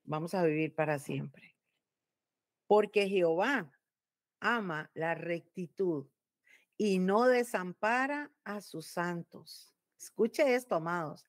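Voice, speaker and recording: A woman's voice: fairly low pitch, slow pace, no room sound, clean studio sound. A middle-aged woman pastor with a Costa Rican accent, preaching emphatically at home. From Costa Rica. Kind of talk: home Bible teaching sermon.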